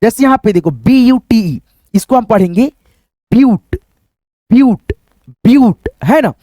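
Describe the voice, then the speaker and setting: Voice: mid-range voice, expressive, a little slow, dark tone, dry recording. Teacher going over phonics one word at a time, keeps calling viewers friends, no room sound at all. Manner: repetitive, addresses viewers as friends. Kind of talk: phonics lesson on a whiteboard.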